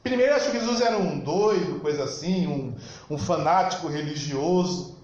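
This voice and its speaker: A man with a Brazilian Portuguese accent preaching a sermon in a church, talking fast and emphatically and rising at times to shouts. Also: a little high, muffled recording. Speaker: pastor. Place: church hall. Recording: echoey church hall.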